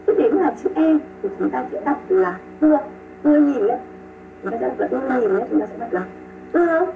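A woman teaching pronunciation online over a video call. She models sounds slowly, repeats them and praises her students. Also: high voice, lively intonation, gravelly, distant mic. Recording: tinny call audio with music behind.

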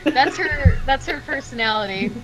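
A woman's voice: sits high, lively intonation, normal speed, music in the background, rough recording. A woman chatting casually and giggling between lines of a comic read-through.

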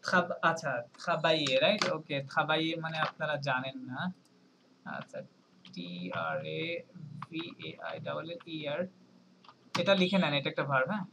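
A man teaching a French lesson on a video call, explaining slowly, spelling words letter by letter and often checking in with his students. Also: fairly high pitch, expressive, gravelly, noisy background. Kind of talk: online language lesson.

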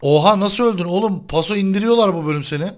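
High-voiced excitable young man gaming. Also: fast. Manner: excitable, exasperated, complains to viewers. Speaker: gaming channel host. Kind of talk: casual gameplay chat.

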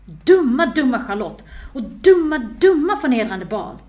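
A woman's voice: a little high, sing-song, darkish tone. A woman voicing a dreamy, jealous young lady at a ball, whispering her daydreams.

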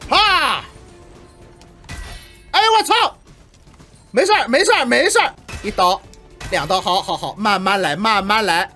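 A woman narrates her own gameplay at full tilt. Her voice leaps high on the battle cries and sinks low when she mutters, so the pitch moves a lot. Faint game music plays underneath. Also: moderate pace. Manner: excitable, shouts battle cries, laughs at herself. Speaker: gameplay streamer. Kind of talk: live game commentary.

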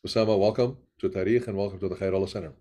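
A man's voice: deep voice, steady tone, warm tone. A man hosting a video-call webinar, introducing and interviewing a guest, with many fillers and restarts. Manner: quick, with frequent uh fillers and restarts.

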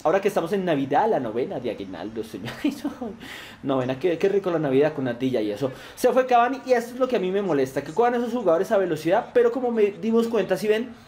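A young man with a Colombian accent narrates his football video game match as he plays it. His voice sits high and jumps up further when a play goes wrong. Between the bursts he talks to his viewers in a loose, chatty way. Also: very fast, few pauses, slight background noise. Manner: excitable, shouts at plays, chatty asides to viewers. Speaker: gaming YouTuber. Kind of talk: live football game commentary.

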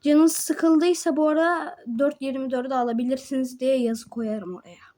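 A woman's voice: high-pitched, fairly even intonation, normal speed, warm tone. A woman giving gameplay commentary to her viewers, switching between muttered asides and frustrated outbursts. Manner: talks straight to viewers as friends. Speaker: gamer.

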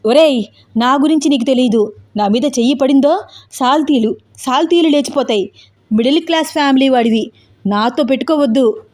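A woman voicing a cocky rich young man who shouts blustering threats in an audio story. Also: high-pitched, normal speed, long pauses, pitched above the performer's own voice, close to an everyday voice. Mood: shouting angrily.

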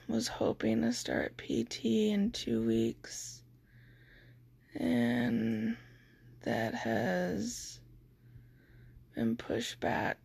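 A woman with a hoarse, scratchy throat talking in a tired, mostly whispered voice in a casual video diary. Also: on the high side, very animated, drawn-out words, long pauses, a little mellow. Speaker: vlogger recovering from surgery.

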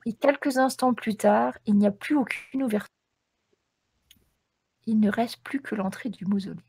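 A woman's voice: fairly high pitch, normal speed, vocal fry, a little mellow, a little hiss or hum. A woman game master narrating a tabletop role-playing game in a descriptive storytelling manner.

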